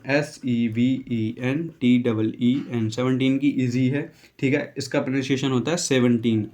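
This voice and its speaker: Man spelling out words slowly as he teaches. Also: mid-range voice, darkish tone. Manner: spells words letter by letter, repeats pronunciations, keeps saying "okay". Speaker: English teacher. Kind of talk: casual spoken lesson.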